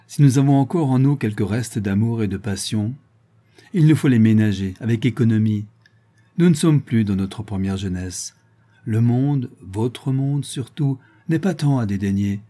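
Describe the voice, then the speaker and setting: A man's voice: medium pitch, mellow, natural voice. A man reading an audiobook voices a proud, scornful woman who teases her suitor. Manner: scornful and teasing. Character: mocking, proud, worldly signora, woman.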